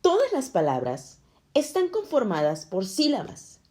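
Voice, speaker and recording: Slow, lively-voiced woman teaching children. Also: a little high. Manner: slow, clear, explaining to children. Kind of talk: scripted lesson narration.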